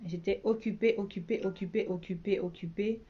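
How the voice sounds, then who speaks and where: A woman's voice: medium pitch, fairly even intonation, fairly quick, breathy edge, highs cut off. A woman from Cameroon with a Cameroonian French accent, chatting casually in a vlog as a bridal shop owner, repeating herself often.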